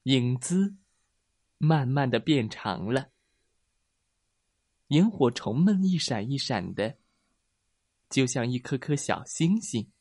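A man narrating a children's bedtime story in a gentle, sing-song way. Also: medium pitch, sing-song, slow, long pauses, dry recording, studio quality.

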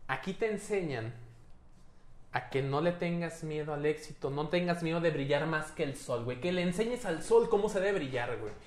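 A man's voice: a little high, normal speed. A man with a central Mexican accent, hosting a casual chat, joking and full of slang. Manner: joking, animated, peppered with slang. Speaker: podcast host. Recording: roomy echo.

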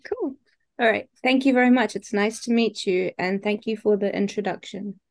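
A woman's voice: medium pitch, moderate pace, gravelly, no room sound. A woman teaching an online English group lesson, patiently prompting each student to introduce themselves.

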